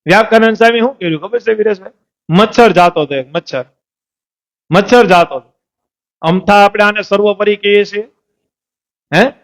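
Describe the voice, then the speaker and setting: A man delivers a storytelling sermon in a temple assembly. His voice sits high for a man. He keeps asking his listeners questions and answers them himself, and he acts out the voices of saints and devotees. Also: fairly quick, long pauses. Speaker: lay preacher.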